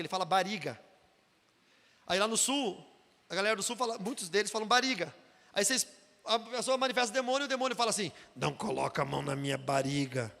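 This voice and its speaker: Fast, bright-voiced Brazilian preacher man. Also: very high-pitched, long reverb tail. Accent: Brazilian Portuguese. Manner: animated, acts out the voices in his stories. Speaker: pastor teaching a deliverance seminar. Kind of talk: sermon-style teaching with told stories.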